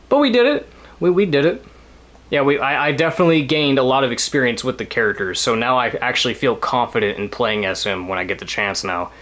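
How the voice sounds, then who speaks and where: With a mid-range, slightly bright voice, a video game streamer chats loosely and rambles through his let's-play, breaking into laughter often and letting a swear word slip occasionally.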